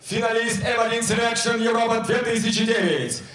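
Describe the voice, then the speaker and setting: An older man working as a boxing ring announcer, introducing fighters formally and theatrically with drawn-out, shouted names. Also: steady tone. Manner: formal, theatrical, booming delivery. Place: fight ring in a covered arena. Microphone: handheld microphone. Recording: echoing arena PA sound.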